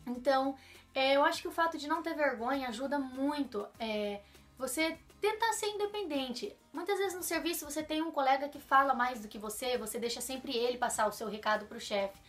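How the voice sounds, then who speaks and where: A woman's voice: high-pitched, fairly quick, fairly bright tone, faint music behind. A young Brazilian woman with a Brazilian Portuguese accent, speaking in a casual advice vlog in an earnest, encouraging way and often checking in with the listener. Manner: earnest, encouraging, tags sentences with questions. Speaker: vlogger.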